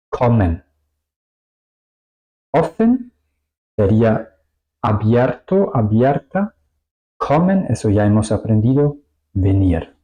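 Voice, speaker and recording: A man's voice: lowish voice, dull audio. A German man teaching a language lesson in Spanish, with small slips, repeating example words carefully and often checking with "ok?".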